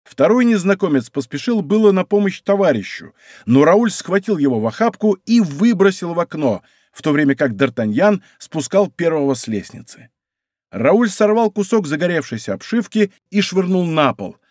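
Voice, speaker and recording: A man narrates a historical adventure audiobook with vivid, dramatic storytelling. His voice sits fairly high and swings widely in pitch. The studio sound is close and dry. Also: very animated, moderate pace, darkish tone, no echo. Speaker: audiobook reader. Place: recording studio.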